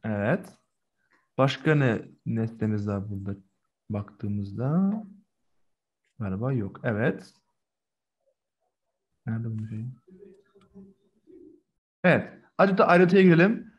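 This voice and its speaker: Lively, patient male German teacher. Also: on the low side, slow pace, long pauses, husky, muffled recording. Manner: patient, drills vocabulary, praises answers. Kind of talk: remote classroom lesson. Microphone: video call.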